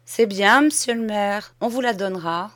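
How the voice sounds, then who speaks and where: A woman's voice: mid-range voice, moderate pace, dry recording, lightly acted. A woman reading a storybook, voicing a blunt former soldier who now works as a village postman and speaks in a firm, rustic way. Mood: wary. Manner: rustic speech, calm and firm.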